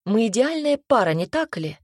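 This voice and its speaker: A woman's voice: a little high, sing-song, normal speed, breathy edge, dry recording, pitched above the performer's own voice. A woman voicing a proud young noblewoman mage who answers with dry, caustic retorts.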